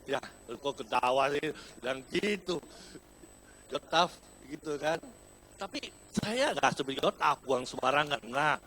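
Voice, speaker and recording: Casting note: middle-aged man preaching in church, animated storyteller, pitch rises and falls widely, light room noise. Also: unhurried. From Indonesia. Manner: animated storytelling, addresses congregation as saudara, mixes in English words. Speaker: pastor. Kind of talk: sermon with personal story. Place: church hall.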